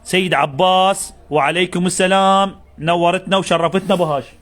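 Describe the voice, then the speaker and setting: A man with an Iraqi Arabic accent pitching goods on a live sales stream, full of effusive greetings and repetitive patter. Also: fairly even intonation, brisk, fairly bright tone. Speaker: live-stream seller of bale goods and home textiles.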